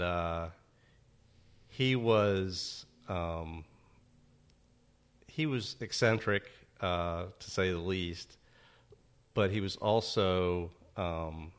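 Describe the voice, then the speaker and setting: Very deep-voiced halting man. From Berlin, USA. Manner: halting, many ums, laughs at own jokes. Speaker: podcast guest, writer. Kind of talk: casual podcast chat.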